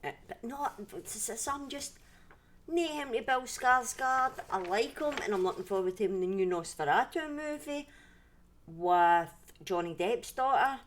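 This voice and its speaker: A Scottish-accented woman hosts a livestream from home, telling stories in a casual, rambling way and often breaking off to restart her sentences. Her fairly high voice has lively intonation and a slightly slow pace, with slight background noise.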